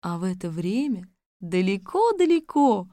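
A woman narrating a storybook chapter in a clear, even storytelling manner. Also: medium pitch, measured pace, no room sound, clean studio sound.

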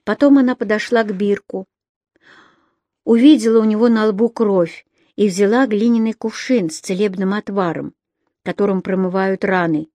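A woman narrating a children's storybook with an expressive, dramatic reading. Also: mid-range voice, moderate pace, no echo, studio quality. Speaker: audiobook narrator.

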